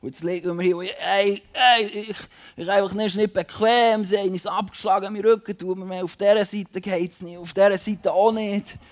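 A man's voice: high voice, steady tone, normal speed, voice pushed up, natural voice. A man acting out a sore, complaining male prisoner lying in a jail cell, his voice whiny and exasperated. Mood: grumbling.

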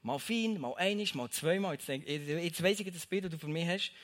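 A man's voice: on the high side, normal speed, fairly bright tone. A young man gives a casual devotional talk, speaking straight to the listener and repeating his phrases for emphasis.

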